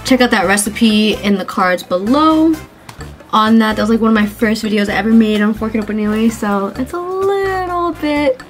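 A young cooking vlogger with a stuffy, congested voice from a cold talks casually through a tutorial in her home kitchen. Her voice is fairly high and her pace moderate, and she's chatty and laid-back, sprinkling in slang and fillers, with faint music behind her.

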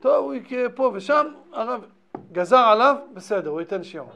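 A man, a rabbi, giving a Torah lesson and telling a story in an animated way, repeating phrases for emphasis. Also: very high-pitched, creaky, slight background noise. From Israel.

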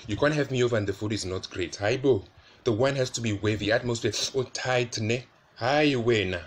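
A man voicing a loud, bubbly party host. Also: medium pitch, a little fast, natural voice.

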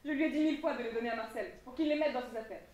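A woman's voice: on the high side, rapid-fire, darkish tone, close to an everyday voice. A woman playing a haughty, sardonic bourgeois mother in a stage comedy, projecting in an imperious, cutting way. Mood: dismissive. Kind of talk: amateur stage comedy acting. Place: theatre stage, indoors. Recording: echoey theatre stage, distant mic, faint noise.

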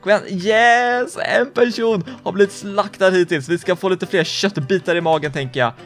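Man, high voice, excitable gameplay commentary, faint background music. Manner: excitable, quick reactions, gasps and laughs. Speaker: gaming YouTuber.

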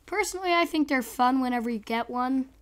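A young woman with a hoarse, squeaky voice that breaks into a whispery rasp, giving excitable, chatty, casual commentary on a game. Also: fairly quick. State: hoarse, losing voice. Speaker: gaming video host.

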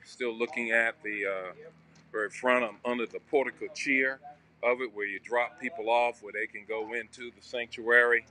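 A man's voice: medium pitch, fairly even intonation, normal speed, bright, forceful tone. A middle-aged man giving a casual, upbeat walkthrough of a church construction site, talking with many fillers while filming on a phone. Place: indoor and outdoor building site. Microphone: phone camera held while walking.

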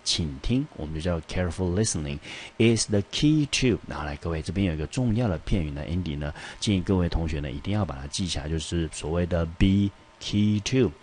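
Deep voiced guy teaching english words, says "hao" and "ne" a lot, repeats stuff slow. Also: darkish tone, a little hiss or hum. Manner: spells out syllables and repeats words slowly; peppers speech with "好" and "呢". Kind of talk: vocabulary lesson.

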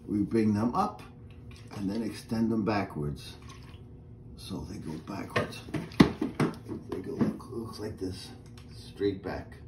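A middle-aged man guides a seated workout, calling out each movement and breath in an unhurried, mellow voice. His voice lifts and falls a lot as he cues. The small room around him adds a roomy echo with a faint hum of noise. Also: medium pitch. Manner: calm, step-by-step cues with breathing counts. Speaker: fitness instructor. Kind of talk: guided chair exercise class. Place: small indoor room with a painted wall.

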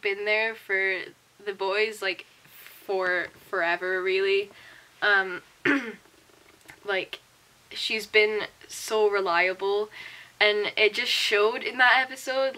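A woman's voice: mid-range voice, sharp tone, low-quality recording. A young woman chatting in a rambling, sleepy way, saying "like" a lot, recorded on a webcam in her bedroom at night. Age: young adult. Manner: rambling, chatty, sleepy and self-deprecating, with frequent "like". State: tired, a bit wheezy and coughy. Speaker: vlogger. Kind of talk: casual diary vlog. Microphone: webcam close to the face.

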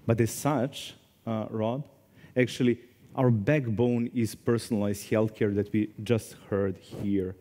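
A man in his forties from Serbia speaking as a conference panelist, earnest and deliberate, in a large hall. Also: on the low side, steady tone, mellow, slight background noise. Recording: long hall reverb.

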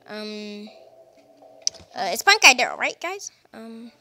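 A woman's voice: fairly high pitch, sing-song, slow pace, pushed and bright, faint music behind. A woman hosting her gaming channel, giving casual, rambling commentary full of fillers and restarts, recorded on a phone set down nearby.

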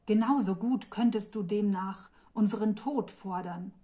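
A woman's voice: medium pitch, unhurried, warm tone, close to an everyday voice. A woman reading the part of a frightened dragon woman who speaks with a trembling voice. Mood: afraid.

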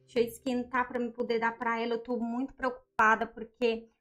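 A woman's voice: fairly high pitch, level tone, brisk, a bit bright, faint music behind, pitched below the performer's own voice, lightly acted. A woman voicing a young mother in a storybook role-play, cooing sing-song baby talk at her infant. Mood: doting, fussing. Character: young mother, proud then tender, doting.

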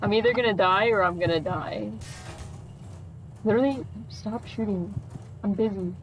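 A woman streaming a video game, chatting casually, laughing often and yelling at enemies. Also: medium pitch, normal speed, dull audio, music in the background. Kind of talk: casual gameplay chat.

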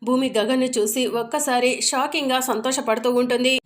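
A woman narrating a serial episode in a plain, steady reading voice, tagging each quote with an aside. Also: sits high, fairly quick. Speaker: story narrator.

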